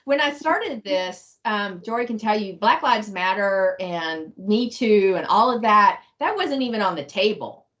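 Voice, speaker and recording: A woman's voice: mid-range voice, expressive, unhurried, hardly any pauses, a bit bright. A woman author from Texas, talking reflectively about her book and thinking aloud with many restarts. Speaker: guest author. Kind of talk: casual discussion on a video call. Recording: muffled lo-fi call audio.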